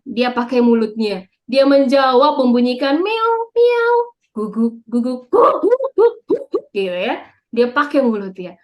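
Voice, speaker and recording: Woman teacher, high-ish voice, lively and playful, online lesson on a webcam. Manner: lively, playful, quizzes the audience. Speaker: catechism class teacher.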